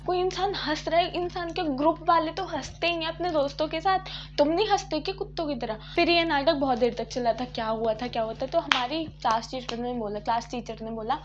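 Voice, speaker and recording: A young adult woman telling a casual storytime, blunt and slangy in an animated way. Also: sits high, fairly quick, muffled recording. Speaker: vlogger. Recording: clear background noise.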